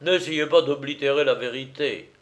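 A man voicing a pompous, blustering male gendarme who barks his questions loudly. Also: mid-range voice, moderate pace, lightly acted. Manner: loud, pompous, bullying.

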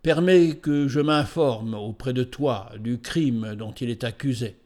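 A venerable old carpenter speaks slowly and solemnly, each question measured and grave, as a narrator reads him. The tone stays calm and dignified throughout this storybook scene. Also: male voice, mid-range voice, lightly acted. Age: older.

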